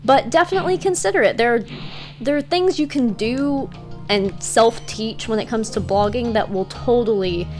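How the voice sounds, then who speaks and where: A woman from Eastern Kentucky speaks with the accent of that region at a medium pitch. She gives casual, encouraging tips in a conversational vlog style. Music plays faintly behind her voice. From Eastern Kentucky, United States. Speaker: freelance writer giving career tips.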